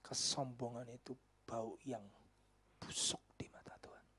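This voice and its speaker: A man, a pastor preaching a sermon and telling a story. He drops to a whisper when quoting people and rises to loud exclamations. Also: mid-range voice, level tone, a little slow, husky. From Indonesia. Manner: mixes in Javanese words. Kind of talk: sermon with acted-out dialogue.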